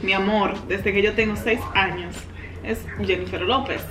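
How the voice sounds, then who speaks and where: A woman's voice: medium pitch, steady tone, brisk, roomy sound. A woman joking bluntly with her friend, slipping into Spanish, in an apartment. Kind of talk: casual conversation. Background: background music.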